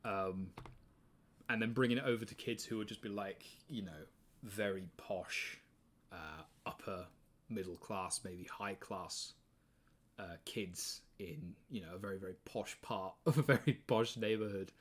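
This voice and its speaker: A man's voice: lowish voice, measured pace, a bit bright. A man in his twenties with an English accent, hosting a live stream in casual chat, rambling, swearing freely and laughing often. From England. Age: 20s.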